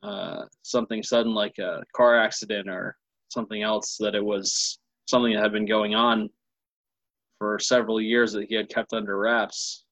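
A man's voice: on the low side, flat delivery, normal speed, fairly bright tone, no room sound. A man co-hosting a movie podcast in casual chat, with a dry, wry humor. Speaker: podcast co-host. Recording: dull, dry lo-fi mic.

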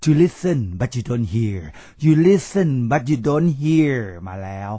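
Mellow-voiced man lecturing with emphasis. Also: a little high, lively intonation, dry recording. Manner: emphatic, slow repetitions, addresses listeners directly. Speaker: podcast host. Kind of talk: motivational talk to listeners.

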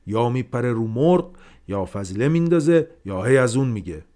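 A man voicing a gruff, irritable older householder who grumbles and shouts curses and orders. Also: medium pitch, very animated, pitched above the performer's own voice, natural voice. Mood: grumbling.

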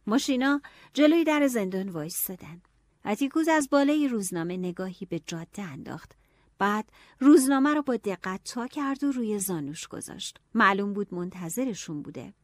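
A woman narrating an audiobook in a steady storytelling manner. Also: medium pitch, dry recording, clean studio sound.

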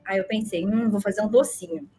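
A woman's voice: medium pitch, fairly quick, dark tone, faint music behind. A young woman from Brazil with a Brazilian Portuguese accent, telling stories casually in a rambling, playful, giggly way. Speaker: livestream guest storyteller. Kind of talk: casual storytelling chat.

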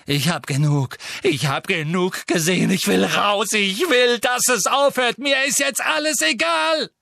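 A man voicing a furious, grieving teenage boy wizard who shouts with a trembling voice. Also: medium pitch, animated, drawn-out words, creaky, breathy edge, dry recording, exaggerated voice.

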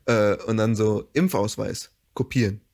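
A man's voice: on the low side, measured pace, vocal fry, darkish tone. Young man laughing through a story. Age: young adult. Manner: laughs often, acts out dialogue with swearing and slang. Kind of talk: casual storytelling chat among friends.

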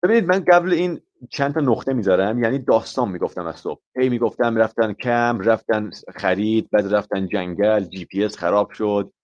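A man's voice: on the low side, few pauses, darkish tone, highs cut off. A man teaching an IELTS lesson in a live stream, explaining patiently with examples and switching between two languages. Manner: explains patiently with examples, mixing Persian and English. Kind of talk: live online English lesson.

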